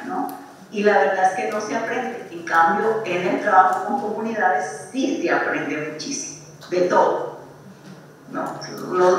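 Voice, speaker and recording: A man's voice: high-pitched, fairly bright tone. A man reflects informally in a lecture, conversational and often ending phrases with tag questions. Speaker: speaker at an architecture lecture. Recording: distant, very echoey room, faint noise.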